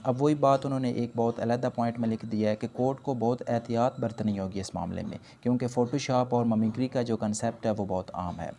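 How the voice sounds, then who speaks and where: A man with a Pakistani accent gives an explanatory law lecture in a mid-range, dark-toned voice. He reads points aloud carefully and then explains them conversationally, and the recording has noticeable background noise.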